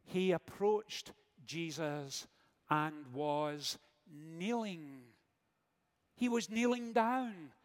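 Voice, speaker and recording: A man preaching a sermon as pastor, measured, with dramatic pauses and rhetorical questions. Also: on the high side. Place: church sanctuary. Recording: long church reverb.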